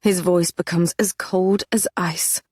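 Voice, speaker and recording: A woman's voice: fairly low pitch, fairly even intonation, takes it slowly, darkish tone, breathy edge, dry recording, clean studio sound. A woman narrating a first-person fantasy romance audiobook with an intense, dramatic delivery.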